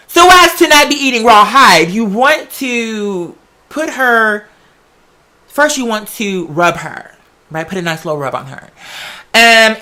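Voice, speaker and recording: Sassy and theatrical, this American vlogger chats casually at medium pitch with a sharp edge to her tone. Her monologue drifts and digresses, loaded with campy drag slang.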